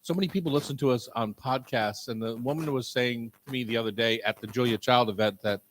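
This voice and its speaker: A man hosting a live radio show from a kitchen before an audience, chatting and joking in a relaxed way. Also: medium pitch, quick pace, a little hiss or hum, poor audio.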